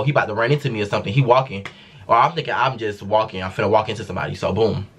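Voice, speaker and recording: A young man tells a storytime for his vlog. His talk is loose and casual, full of slang and swearing, at an ordinary pitch for a man. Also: pushed and bright, slightly rough. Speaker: vlogger.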